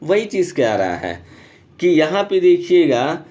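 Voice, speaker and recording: A male school teacher explaining English grammar in Hindi, patiently repeating points and reading English rules slowly. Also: a little high, sing-song, dark tone, highs cut off. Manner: explains patiently, repeats "ठीक है" and calls students "Babu". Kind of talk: grammar lesson in Hindi over screen recording. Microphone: screen recorder mic.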